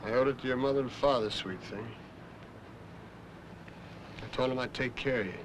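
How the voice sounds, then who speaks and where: An actor playing a blunt, commanding middle-aged date farmer in a 1960s TV drama. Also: male voice, mid-range voice, moderate pace, slight background noise, lightly acted, rough recording. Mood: coaxing. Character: gruff middle-aged male date farmer, bossy, possessive. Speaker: ranch owner.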